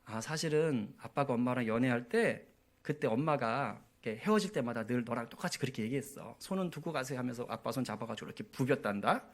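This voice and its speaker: A man voicing a gentle young father speaking to his small daughter, in close to his own voice. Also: medium pitch, lively intonation, fast, close to an everyday voice. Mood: tender.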